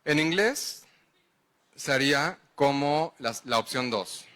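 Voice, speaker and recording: A man's voice: mid-range voice, lively intonation, slow pace, pushed and bright. A man with a Mexican accent giving a public lecture, engaging the audience with questions. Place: lecture hall.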